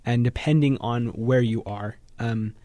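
Teen boy panelist, measured and explanatory, mid-pitched, dry studio sound. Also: mellow, no room sound. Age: teens. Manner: measured, explanatory, frequent ums. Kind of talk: thoughtful radio panel talk. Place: radio studio.

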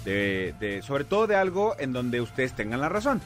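A man co-hosting a radio show, calmly giving listeners advice. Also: mid-range voice, normal speed, soft background music. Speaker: radio co-host. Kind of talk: casual radio chat.

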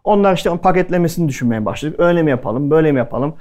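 A man from Türkiye tells stories to a live audience in a loose, conversational way. His voice sits a little high for a man, and he keeps slipping into the voices of the people he quotes. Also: expressive, very fast, darkish tone. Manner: chatty anecdotal delivery, acting out quoted dialogue. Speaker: speaker at a culinary event. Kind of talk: casual storytelling talk to an audience.

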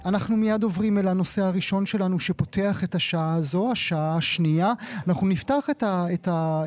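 A man hosting a live interview show. He presents in a somewhat halting way, correcting himself and restarting phrases as he goes. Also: high-pitched, darkish tone. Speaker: radio show host.

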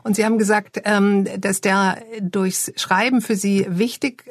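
A woman's voice: mid-range voice, fairly even intonation, unhurried, no room sound, clean studio sound. A woman interviewing an author, attentive and affirming. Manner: attentive, affirming with frequent murmurs. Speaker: podcast interviewer.

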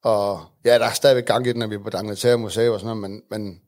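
A man's voice: fairly low pitch, fairly even intonation, a little mellow. A man in his thirties, a guest in a casual chat, telling candid stories with frequent laughter.

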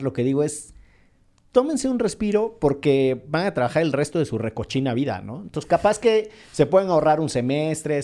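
A man from Mexico talking casually and jokingly as a podcast co-host. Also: mid-range voice. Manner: relaxed, joking, colloquial. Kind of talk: casual chat.

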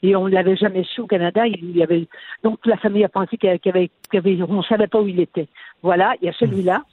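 A woman's voice: medium pitch, steady tone, husky, no echo. Older woman calling in on a phone line. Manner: halting, many restarts, earnest. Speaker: caller. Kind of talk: phone-in radio chat. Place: on a phone call from abroad.

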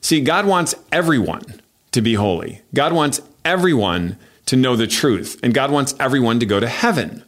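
Male podcast host, mid pitch, animated, emphatic, faith advice talk.

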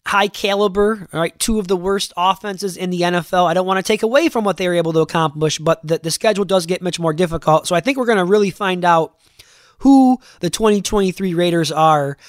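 A congested man with a high voice hosts his sports podcast from a close mic in a very dry room. He talks loosely, with plenty of fillers and restarts. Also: a little fast, no echo. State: congested, under the weather. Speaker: podcast host. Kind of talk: casual podcast talk.

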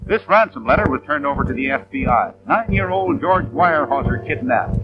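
A man's voice: mid-range voice, lively intonation, normal speed, highs cut off. A man narrating a 1930s newsreel in a dramatic, emphatic announcing manner, heard from an old film soundtrack.

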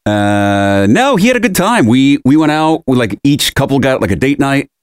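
A man's voice: medium pitch, normal speed, smooth, no echo, studio quality. A man co-hosting a podcast, telling a story in casual chat and acting out the voices of people in it. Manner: animated storyteller, acts out quoted voices. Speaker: podcast co-host.

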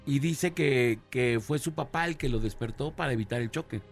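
A man with a Mexican accent, a radio host telling a story in slangy, animated casual talk. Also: mid-range voice, normal speed. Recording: radio studio with faint music.

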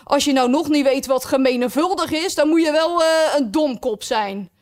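A woman's voice: high-pitched, moderate pace, pitched above the performer's own voice, natural voice. A woman voicing an impatient male griffin in a storybook reading. He scolds and cuts others off. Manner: brusque, scolding.

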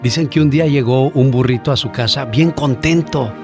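A man's voice: medium pitch, creaky, over music. Guy on an interview show, earnest, tells stories, lots of fillers. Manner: warm storyteller, earnest, pauses with fillers. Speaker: guest. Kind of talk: casual interview storytelling.

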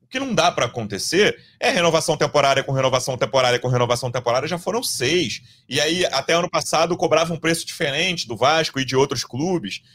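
A man's voice: fairly high pitch, animated, quick pace, few pauses, a bit bright. A man with a Brazilian Portuguese accent hosts a casual football podcast, giving emphatic, colloquial opinions and repeating his points to drive them home. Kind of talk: casual opinionated sports discussion.

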